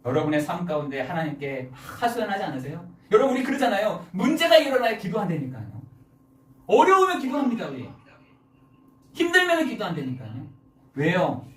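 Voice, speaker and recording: A pastor preaching a sermon in a church, animated and often asking the congregation rhetorical questions. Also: medium pitch, fairly quick, distant mic. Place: church sanctuary. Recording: roomy church hall, voice off the mic.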